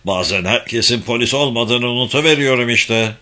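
A man voicing a calm, reassuring retired police officer who talks firmly and matter-of-factly in an audiobook reading. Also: mid-range voice, moderate pace, natural voice. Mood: steady.

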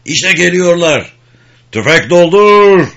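A man voicing a gruff army sergeant who barks curt orders, on a dull lo-fi recording. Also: high-pitched, animated, takes it slowly, fairly bright tone, pitched above the performer's own voice, heavily acted. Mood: barking orders.

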